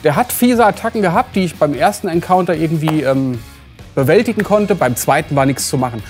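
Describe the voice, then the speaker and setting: Man searching for words, fairly high. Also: lively intonation, fairly quick, soft background music. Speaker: games show regular. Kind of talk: casual anecdote.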